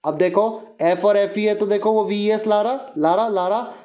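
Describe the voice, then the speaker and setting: A young man teaching a grammar lesson, repeating words and asking the listener quick questions to drill them in. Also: sits high, steady tone, warm tone. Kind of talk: Hindi grammar lecture mixing in English terms.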